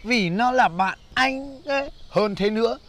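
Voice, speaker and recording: A man's voice: very high-pitched, a little slow, slight background noise, full character voice. A man playing a boastful broke laborer. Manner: bragging, bossy, loud. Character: boastful broke male laborer, young adult.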